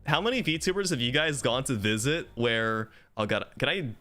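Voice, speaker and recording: Bright, lively man streamer laughing a lot. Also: medium pitch, moderate pace, faint music behind. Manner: laughs often, animated. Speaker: streamer host. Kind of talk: casual podcast chat.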